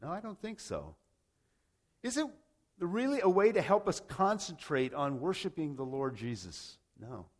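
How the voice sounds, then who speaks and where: A man from Rome, Italy, who grew up there with American parents, preaches a sermon mixing scripture and personal anecdotes. His voice is a little high and very animated at a normal speed, and he speaks emphatically yet conversationally, using rhetorical questions and repeated phrases.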